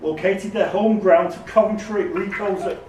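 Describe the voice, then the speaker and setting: The quizmaster at this live quiz is a man with a high voice and a steady tone, going at a moderate pace as he reads questions and rules on answers. The event takes place in an echoey indoor room, recorded from a distant mic with background noise.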